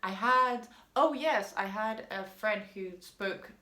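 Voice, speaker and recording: Speaking slowly in a bright, forceful, mid-range voice, a French-native woman vlogger rambles chattily through a personal story, dropping frequent ums. The room echoes noticeably.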